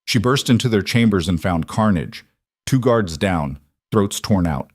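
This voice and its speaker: A man reading a dramatic fantasy story as scripted narration, in a measured, dramatic way. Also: on the low side, lively intonation, a little mellow, breathy edge, no room sound, studio quality.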